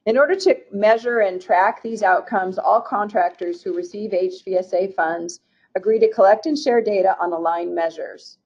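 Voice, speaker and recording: Her voice is medium-pitched and her speed normal as this state agency woman walks through program goals on webinar slides. The delivery is formal and even, with a few restarts, over muffled, dull audio.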